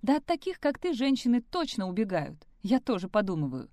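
A woman reading the part of a sharp-tongued young fiancée, speaking in a heated, sharp way. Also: medium pitch, big pitch swings, brisk, no echo, studio quality, close to an everyday voice.

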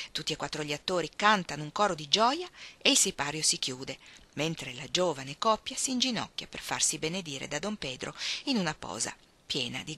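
A woman reading a novel aloud, her voice sitting fairly low but with a bright, crisp edge. She tells the story expressively, shaping each scene. The delivery is a steady read-aloud narration. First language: Italian. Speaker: reader. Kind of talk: audiobook narration.

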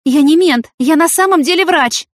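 A woman's voice: high-pitched, normal speed, no echo, clean studio sound, voice pushed up, close to an everyday voice. A woman voicing a curious, meddling young woman who asks eager questions. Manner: eager, inquisitive.

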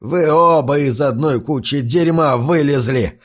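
A man voicing a heartbroken, furious old farmer who shouts and sobs in a strained, high voice in an audiobook. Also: unhurried. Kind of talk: audiobook character voice.

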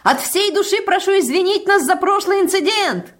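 Woman playing a groveling fat bureaucrat, squeaky and sugary, husky tone. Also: lively intonation, fairly quick, darkish tone. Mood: fawning. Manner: shrill, ingratiating and pleading. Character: fat, fawning middle-aged male official.

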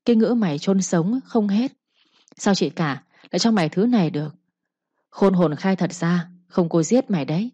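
A woman's voice: on the low side, expressive, brisk, mellow, no echo, dull audio. A woman voicing a harsh young mistress who scolds and threatens her servant with contempt. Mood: furious.

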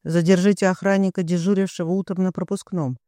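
A man's voice: sits high, flat delivery, fast, dark tone, no room sound, clean studio sound, close to an everyday voice. A man reading an audiobook, voicing a furious young man who growls threats.

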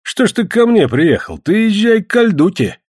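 A man voicing a sly, mocking trader who banters loudly and teases everyone. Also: fairly high pitch, very animated, normal speed, husky, no room sound, clean studio sound, voice pushed up. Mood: joking. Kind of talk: audiobook character voice.

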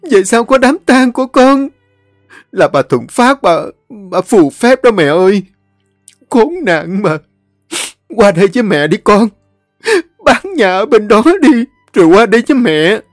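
A man's voice: expressive, measured pace, darkish tone, dry recording, clean studio sound, soft background music. A man putting on a tearful older mother. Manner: tearful, pleading, raised high voice. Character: older mother, emotional and doting.

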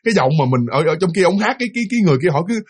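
A man's voice: sits high, animated, racing, husky. A young man telling a ghost story in a chatty way, often repeating and stumbling over words. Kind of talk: casual ghost story narration.

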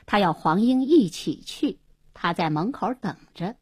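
A woman tells a radio story at an unhurried pace. Her pitch moves widely as she voices each character, and her husky tone sits in a dry, close studio sound. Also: expressive, no room sound. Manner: acts out every character's lines, rising to shouts. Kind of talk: dramatic story narration with voiced dialogue.

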